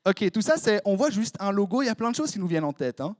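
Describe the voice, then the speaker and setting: A young man with a Swiss French accent, preaching as a youth pastor in a lively, joking way, quizzing his congregation. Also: high-pitched, no echo, clean studio sound. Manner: playful, jokey, quick asides to the crowd. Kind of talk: lively sermon with audience interaction. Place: church hall before a congregation.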